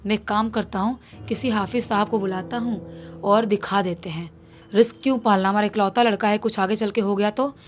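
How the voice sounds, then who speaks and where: A woman's voice: mid-range voice, steady tone, moderate pace, soft background music. A woman telling a horror story as a storyteller, building suspense as she narrates. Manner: suspenseful, rising with intensity.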